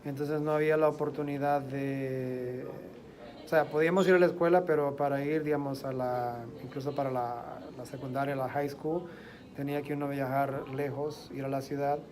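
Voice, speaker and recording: A man from El Salvador, answering interview questions thoughtfully with frequent pauses. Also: medium pitch, little pitch movement, a little mellow. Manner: thoughtful, pausing with eh.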